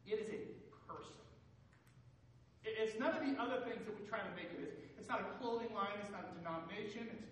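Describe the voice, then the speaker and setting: Pastor, male, higher pitch, earnest sermon with restarts, big hall echo. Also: quick pace, a bit bright, a little hiss or hum. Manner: joking then earnest, many restarts and fillers. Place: church sanctuary. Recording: echoey hall, mic from a distance.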